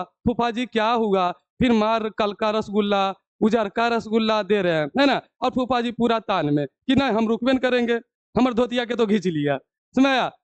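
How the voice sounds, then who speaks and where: A man's voice: extremely high pitch, smooth, dry recording. A man teaching Hindi grammar in a video lesson, asking the class questions and answering them himself.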